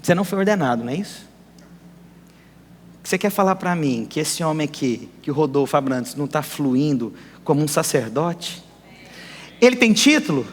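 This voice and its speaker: A man preaching a lively sermon as pastor, firing rhetorical questions at the congregation. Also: a little high, normal speed, long pauses. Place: church hall. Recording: echoey church hall.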